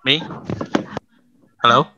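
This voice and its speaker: A man's voice: very slow, lo-fi sound, background noise. A man, a webinar participant asking a formal question in English, hesitating with many fillers. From Indonesia (Nias).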